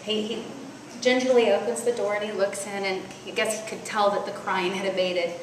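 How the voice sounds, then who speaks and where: A woman in her forties, a loud, animated speaker, telling a personal story at a church women's conference. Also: medium pitch, brisk. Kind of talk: storytelling sermon. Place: large hall at a church retreat. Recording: echoey hall, faint noise.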